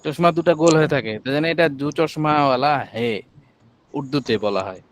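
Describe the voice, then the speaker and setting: A man with a Bangladeshi Bengali accent teaching an online class, drilling syllables slowly and patiently. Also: on the high side.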